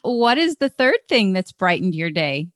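An upbeat woman interviewing a guest, full of encouragement and praise. Her voice sits at a middle pitch and sounds close and dry. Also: sing-song, moderate pace, no echo. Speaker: interviewer host. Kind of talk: friendly interview chat.

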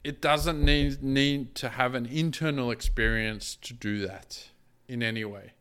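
A man's voice: mid-range voice, unhurried, fairly bright tone, clear, resonant tone. A man hosting a podcast, thinking aloud in a loose, exploratory casual monologue.

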